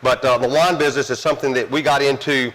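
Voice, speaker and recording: A man's voice: mid-range voice, fairly even intonation, fast, fairly bright tone, in a large hall, slight background noise, low-quality recording. A man from Tennessee, a winery owner telling folksy, rambling stories in an interview. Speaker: winery owner and grape grower. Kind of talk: storytelling in an interview.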